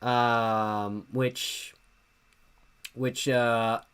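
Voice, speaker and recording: Young man, livestream host, buzzed, relaxed slangy chat, repeats himself. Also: mid-range voice, drawn-out words, clear, resonant tone. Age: 20s. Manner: laid-back, slangy, repeats phrases. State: tipsy. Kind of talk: casual livestream chat reading viewer questions.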